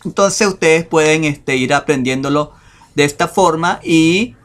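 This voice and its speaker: A man teaching English vocabulary over a screen share, talking in a slow, hesitant way with many fillers. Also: fairly high pitch, a bit bright.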